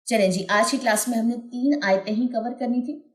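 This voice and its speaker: A woman teaching recitation rules who explains each point, then stretches the syllables out slowly to model them. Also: on the high side. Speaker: Quran tajweed teacher. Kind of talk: recorded online lesson. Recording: roomy echo.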